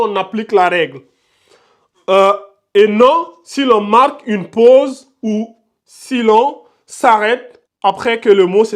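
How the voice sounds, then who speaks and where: A man teaching Quran recitation rules in a live online class. He repeats himself often and slows down to chant the examples. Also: high voice. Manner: repeats words often, points at symbols on the board. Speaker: tajwid teacher.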